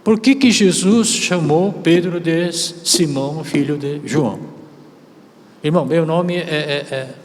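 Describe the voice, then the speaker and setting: A man preaching a sermon as pastor, a native Korean speaker, rising loud and slowing down for emphasis. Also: a little high. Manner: rises loud and slows down for emphasis. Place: church sanctuary. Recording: long hall reverb.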